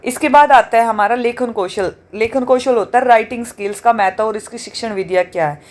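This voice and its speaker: A woman teaching an exam revision lesson, explaining points with everyday examples and often checking in with a quick question. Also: fairly high pitch. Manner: explains with everyday examples, keeps asking "theek hai?".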